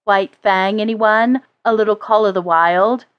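A woman's voice: medium pitch, fairly even intonation, measured pace, clean tone, dull audio, natural voice. A woman voicing a wry young woman rider who jokes through her fear. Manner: joking, light sarcasm.

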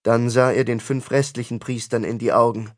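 A man narrating a fantasy audiobook in a measured, dramatic storytelling manner. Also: mid-range voice, steady tone.

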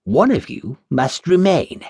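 An ancient cult master speaks in slow, measured commands, calm and sly, as a male narrator puts him on. His tone rises and falls in a lively way, and the reading is dry and close. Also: a little high, gravelly, slightly rough, no echo, voice pushed up, heavily acted. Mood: solemn, commanding.

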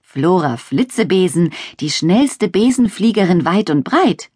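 Woman playing a croaky old witch lady, friendly and a bit scatterbrained, voice bouncing up high, storybook. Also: very animated, measured pace, a little mellow, no echo, studio quality, exaggerated voice. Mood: chatty.

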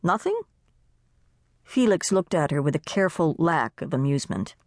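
A woman narrating a contemporary novel in a wry, expressive way, recorded close in a studio. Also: low-pitched, brisk, no echo. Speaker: audiobook narrator. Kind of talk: scripted narration.

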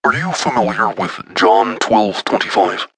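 A mysterious anonymous caller, as a male narrator puts him on, speaking slowly and cryptically through a voice scrambler. The voice sits very low and gravelly, with a husky, raspy grain. The sound is dry and close. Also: animated, fairly bright tone, heavily acted. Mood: cryptic. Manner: slow, cryptic, solemn.

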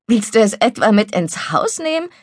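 A woman voicing a sensible older girl who reasons gently and with quiet amusement, in a storybook reading. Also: a little high, big pitch swings, moderate pace, dry recording. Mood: amused. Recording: dry studio recording.

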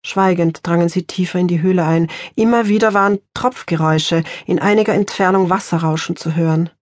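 A woman author reading her own crime novel aloud in a measured, tense audiobook narration. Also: fairly low pitch, steady tone, no echo, clean studio sound.

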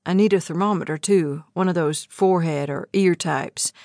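A woman reads the part of a worried man, a father caught off guard, his husky voice pitched low and pressed with urgency. It is an audiobook character voice. The sound is dry and close with no room at all. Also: normal speed, a little mellow, no room sound, close to an everyday voice. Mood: urgent.

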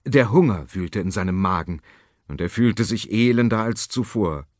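A man narrating a children's story in a lively, expressive way. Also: fairly low pitch, normal speed, no echo. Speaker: audiobook narrator. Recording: dry studio audiobook.

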